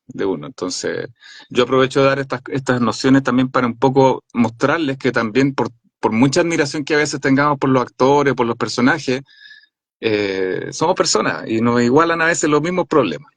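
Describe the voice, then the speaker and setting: A man with a Chilean accent, a voice actor talking calmly and reflectively as an interview guest. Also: medium pitch, no room sound. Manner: reflective, thoughtful, measured. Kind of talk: casual interview talk.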